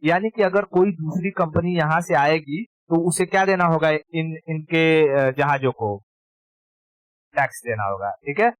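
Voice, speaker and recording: A man teaching a casual exam-prep history lecture, his voice sitting a little high. He talks informally, drills names by repeating them and keeps asking if students follow. The sound is close and dry, with almost no room. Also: unhurried, no echo, rough recording. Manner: informal, repeats key terms and checks understanding.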